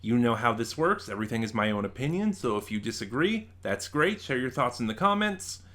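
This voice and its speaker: Very animated and fairly quick, this Nevada-born review channel host ranks things with strong opinions in an informal, emphatic way. His American-accented voice is mid-range and a bit bright.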